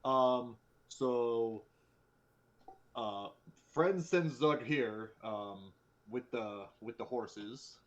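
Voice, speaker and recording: A man playing a tabletop role-playing game, improvising his character casually and haltingly, often repeating words. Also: medium pitch, highs cut off.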